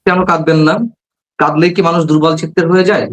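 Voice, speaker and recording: A middle-aged man makes his case with mounting passion, piling up rhetorical questions. His voice sits notably high for a man. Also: flat delivery, fast, low-quality recording. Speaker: journalist guest. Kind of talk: political talk show argument.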